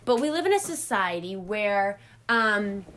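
A woman's voice: medium pitch, sing-song, measured pace, a bit bright. A young woman hosting her own podcast, chatting loosely, laughing at herself and swearing freely. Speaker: podcast host. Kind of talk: casual solo podcast talk.

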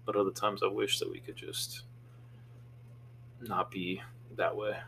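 Low-voiced earnest young man, faint hum. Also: level tone, unhurried, creaky, a bit bright. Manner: earnest, a little anxious. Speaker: podcast co-host, salon co-owner. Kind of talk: casual chat.

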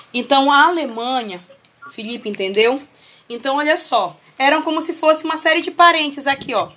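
Brazilian lady teacher on a video call, pretty high voice, keeps asking "got it?" and uses family examples. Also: sharp tone. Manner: homely family analogies, checks in with students often. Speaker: history teacher. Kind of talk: online class explanation.

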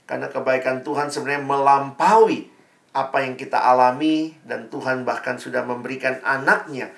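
A man's voice: mid-range voice, fairly even intonation, moderate pace, vocal fry, roomy sound. A man preaching a sermon in a conversational, storytelling manner with rhetorical questions. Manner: calls himself Amang.

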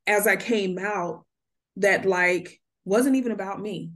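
A woman's voice: mid-range voice, takes it slowly. Earnest middle-aged woman, repeating for emphasis. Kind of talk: candid conversational podcast talk.

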